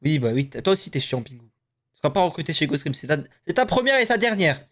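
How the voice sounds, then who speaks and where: A young man with a slightly high voice hosts a live stream in a loose, rambling way. He grew up in the French Basque Country, jokes with his co-host and swears freely while guessing words. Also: very animated, fast, fairly bright tone, slight background noise. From Basque Country, France. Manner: chatty, swears, talks to co-host while playing. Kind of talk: casual live-stream chat.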